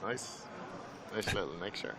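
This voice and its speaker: A man's voice: lowish voice, expressive, measured pace, crowd noise. A man, a poker player, making casual joking chat at the table. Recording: noisy venue, clear background noise.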